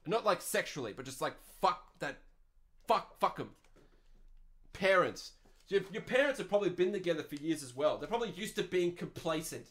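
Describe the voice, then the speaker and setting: An Australian man hosting a solo podcast, ranting crudely and cursing, jumping from loud outbursts to muttered asides. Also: sits high, animated, moderate pace. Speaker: podcast host.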